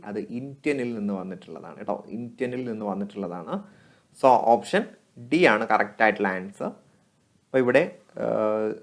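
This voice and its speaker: A man, teaching as an exam coach. He reads English questions slowly and deliberately, then explains them in Malayalam, repeating each key answer for emphasis. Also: on the low side. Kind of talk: exam question walkthrough lesson.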